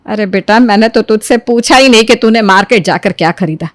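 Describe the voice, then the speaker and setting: A woman doing a lower-voiced fretting mother. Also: brisk, natural voice. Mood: coaxing. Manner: fretful, scolding. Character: worried middle-aged mother, scolding and fond.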